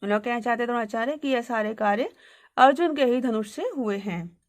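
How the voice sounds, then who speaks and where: Woman Sanskrit tutor, higher voice, reads verses aloud, then explains each line. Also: normal speed. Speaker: Sanskrit teacher.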